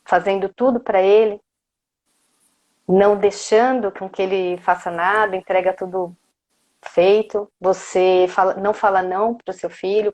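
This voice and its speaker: A woman's voice: mid-range voice, darkish tone. Brazilian woman coach asking rhetorical questions. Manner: often ends phrases with a questioning "né?". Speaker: coach giving a parenting talk. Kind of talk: motivational lecture.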